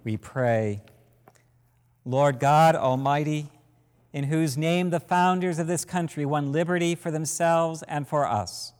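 A man, a priest, intones liturgical prayers at a slow, deliberate pace in a fairly high voice. His words ring out with the long cathedral echo of a large church. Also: darkish tone, clear, resonant tone. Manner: slow, measured, solemn intoning. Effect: cathedral echo, long reverb of a large church. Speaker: priest leading a church service. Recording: long echoing church reverb.

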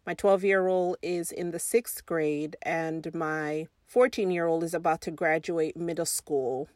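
Measured woman from Jamaica, dry sound. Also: sits low, steady tone, a little mellow, no echo. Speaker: guest mother.

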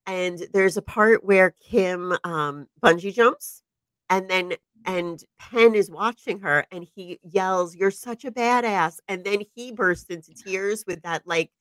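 A woman in her forties co-hosting a podcast, telling stories in an animated, casual way and laughing often. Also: on the low side, slow, dry recording. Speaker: podcast co-host. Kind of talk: casual chat. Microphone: podcast microphone.

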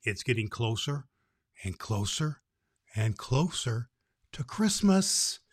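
A man playing Santa Claus as a jolly, hearty old man, hosting and reading to children in a folksy, slightly halting way. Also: mid-range voice, big pitch swings, breathy edge, exaggerated voice. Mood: cheerful, chatty. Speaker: host and story reader. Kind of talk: children's holiday podcast talk and story reading.

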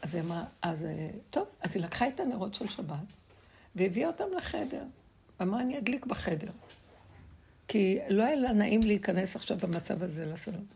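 A middle-aged woman giving a spiritual lesson to a group, telling stories in a lively way and laughing between points. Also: mid-range voice, gravelly, husky. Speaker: religious teacher.

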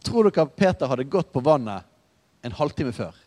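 A man's voice: mid-range voice, very animated, a little mellow. Preaching man in a reverberant hall. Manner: conversational, storytelling with asides. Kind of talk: sermon.

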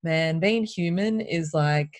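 A woman speaking openly and emotionally in a casual conversation, telling her story with lively candour. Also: low-pitched, slow, no echo. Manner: open, emotional, animated storytelling.

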